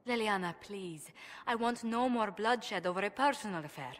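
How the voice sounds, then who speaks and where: In this fantasy game cutscene, a woman acts a scripted role as an earnest, refined noblewoman diplomat who is courteous, formal and well-spoken, with a diplomatic mood. She uses a natural mid-range voice at normal speed, while a long hall reverb and faint ambience color the audio.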